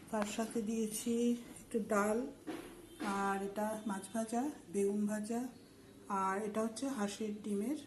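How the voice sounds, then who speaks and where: A woman's voice: fairly high pitch, darkish tone, a little hiss or hum. A woman with a sore throat, chatting homely in a casual cooking vlog from her home kitchen, explaining each step. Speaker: vlogger.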